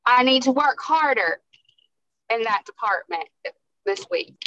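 A woman co-hosting a casual chat over a lo-fi video call connection, chatty and quick to laugh. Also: sits high, big pitch swings, a bit bright, dry recording. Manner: chatty, laughs easily, repeats words. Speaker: co-host.

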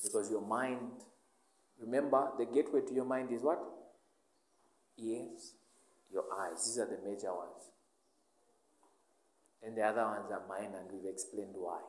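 A man's voice: on the low side, steady tone, unhurried, long pauses. A man preaching a sermon, asking the listeners questions and answering them himself. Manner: emphatic call-and-response questioning. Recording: echoey room.

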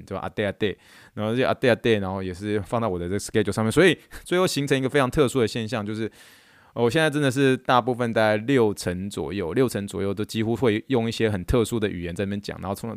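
A man, hosting a casual chat and telling stories in a lively way that acts out what people said. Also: fairly low pitch, smooth, no echo, clean studio sound. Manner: animated storyteller who acts out quotes. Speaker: podcast host and therapist.

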